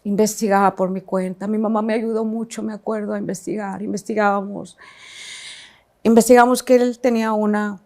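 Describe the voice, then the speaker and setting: Halting and reflective, a woman gives personal testimony about her own painful story, restarting and pausing along the way. Her voice is medium in pitch, a little mellow, with fairly even intonation.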